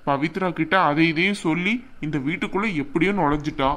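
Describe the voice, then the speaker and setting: A woman's voice: deep voice, fairly quick, a bit bright. A woman voicing a scornful, quarrelsome young husband in a cartoon, talking in a taunting way. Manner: taunting, contemptuous. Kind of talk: cartoon voice acting.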